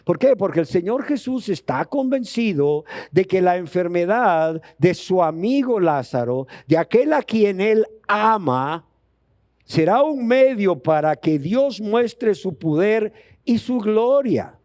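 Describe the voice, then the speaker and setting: A man's voice: high voice, very animated, slow, darkish tone, dry recording, clean studio sound. A man preaching a sermon in an emphatic way, asking his listeners rhetorical questions and retelling scripture stories. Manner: retells scripture stories and acts out the characters' words.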